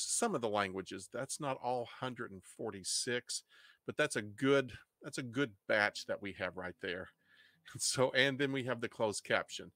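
A middle-aged man with an Ozark Missouri twang, explaining things haltingly like an informal history teacher, rephrasing as he goes. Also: mid-range voice, fairly bright tone, dry recording. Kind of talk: informal online history lecture. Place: indoor home studio. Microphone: desk microphone up close, headset on.

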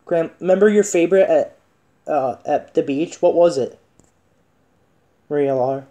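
A man hosting a spirit box session, asking questions in a halting, repetitive, insistent and casual way. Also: on the high side, warm tone. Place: indoor room with wooden floor.

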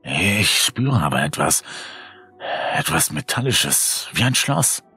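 A man's voice: low voice, very animated, slow, sharp tone, breathy edge, faint music behind, full character voice. A man voicing a bold, curious teenage boy who talks bluntly.

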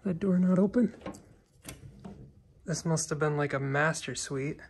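A man talks in a low-key, offhand way while walking through abandoned rooms. His voice comes through a handheld phone camera. He names the objects he finds as he goes. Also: unhurried, vocal fry, slight background noise. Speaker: urban explorer. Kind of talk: quiet handheld exploration vlog commentary.

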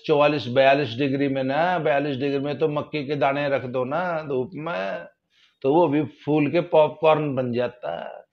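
Guy ranting folksy and sarcastic, middle-pitched voice, kinda muffled lo-fi audio. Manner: folksy, sarcastic, rises loudly for emphasis. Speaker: political commentator. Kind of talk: casual spoken commentary.

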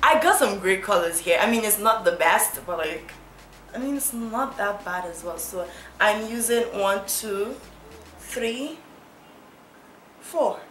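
Chatting and giggling through her makeup tutorial vlog, a young Nigerian woman teases herself in a medium-pitched, expressive voice that's a bit bright and slow-paced. A little hiss or hum comes through, along with a roomy echo and faint music.

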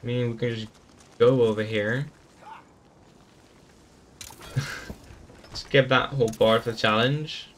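A man's voice: mid-range voice, steady tone, normal speed, fairly bright tone, slight background noise. A man giving casual gameplay commentary, thinking aloud in an easygoing way as he explores a game. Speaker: gaming YouTuber.

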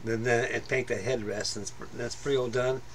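A middle-aged man describes his model build at a workbench in his home hobby room, rambling informally with plenty of fillers and restarts in a plain-spoken manner. His mid-range voice keeps a steady tone at a fairly quick clip, and slight background noise is audible.

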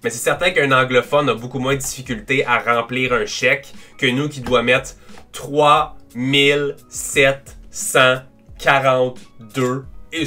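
A man with a Québécois French accent hosting a casual reaction video, chatty and quick to laugh as he explains language quirks. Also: medium pitch, pushed and bright. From Quebec.

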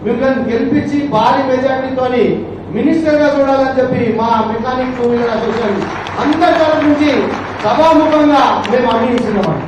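A man's voice: very high voice, fairly quick, crowd noise. A man representing a mechanics' association, making an earnest appeal in a public speech at a gathering. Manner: earnest appeal, rising to loud rallying calls. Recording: echoey hall, distant mic, noisy.

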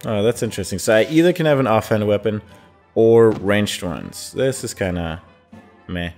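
Male gamer narrating gameplay, low voice, hesitant and musing, faint music. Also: normal speed, darkish tone. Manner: hesitant, thinking aloud with fillers. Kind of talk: casual gameplay commentary.

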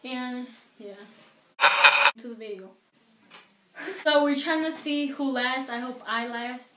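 A woman's voice: high voice, takes it slowly. A young woman hosting, chatting casually to camera. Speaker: vlog host. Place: small indoor room, camera at short distance. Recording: echoey room, noisy background.

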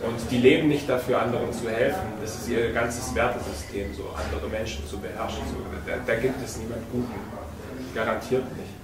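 A man's voice: mid-range voice, steady tone, brisk, a crowd in the background. A young man debating with restarts and hesitations, recorded from a distance in an echoey room. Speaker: conspiracy video maker, debater. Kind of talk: heated debate. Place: studio set with armchairs, indoors.

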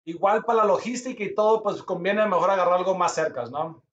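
A man with a high-pitched voice gives casual live commentary as a stream host. He repeats short phrases to urge things along. The sound is slightly dull and lo-fi, as from a computer at his desk. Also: brisk, fairly bright tone. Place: small office with a whiteboard.

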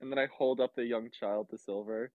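A man's voice: medium pitch, steady tone, a little fast, no room sound. A man playing in a casual tabletop roleplay over an online voice call, speaking hesitantly with a lot of stammering. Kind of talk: casual improvised roleplay chat. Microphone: online group voice call. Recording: tinny, band-limited voice-chat audio.

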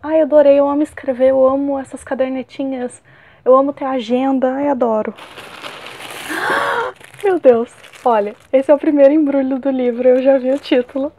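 A young woman vlogging an unboxing, gushing with excited exclamations as she opens gifts. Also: high-pitched. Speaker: book vlogger. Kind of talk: unboxing vlog.

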